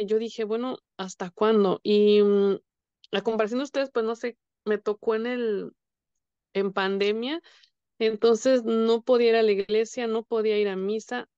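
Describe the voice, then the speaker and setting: Earnest woman, smooth voice. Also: mid-range voice, dry recording, lo-fi sound. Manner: earnest, emotional storytelling, quoting her husband and prayers. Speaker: panelist sharing testimony. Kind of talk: faith testimony in a podcast conversation.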